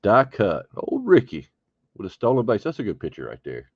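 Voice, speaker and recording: Deep-voiced man chatting during a card break. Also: wildly swooping pitch, normal speed, no room sound, highs cut off. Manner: chatty, thinks aloud while opening card packs. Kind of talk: casual live stream chat.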